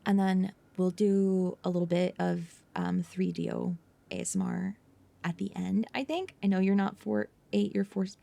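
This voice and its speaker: Hushed, mellow woman streaming ASMR chat. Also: medium pitch, steady tone, normal speed, vocal fry. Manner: hushed, often slipping into whisper; playful, teasing. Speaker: livestreamer host. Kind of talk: casual livestream chat, ASMR.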